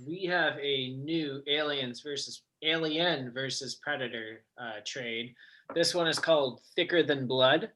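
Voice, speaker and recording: A man's voice: medium pitch, unhurried, sharp tone, low-quality recording. A man co-hosting a live stream, reading book blurbs plainly while losing his voice. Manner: reads blurbs plainly with small stumbles.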